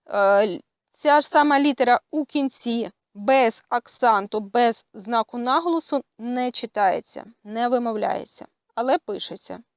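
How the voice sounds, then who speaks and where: Slow, high-voiced woman teaching. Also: lively intonation, clean tone, dry recording, clean studio sound. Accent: Ukrainian. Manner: careful, with frequent hesitant fillers. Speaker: language teacher. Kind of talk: slow spoken lesson.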